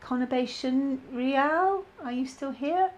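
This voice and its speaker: A middle-aged woman with a British accent hosting a casual live-stream chat, talking warmly to viewers with plenty of fillers. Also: sits high, slow, dull audio. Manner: chatty, many fillers, reads out viewer comments. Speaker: spiritual guidance host.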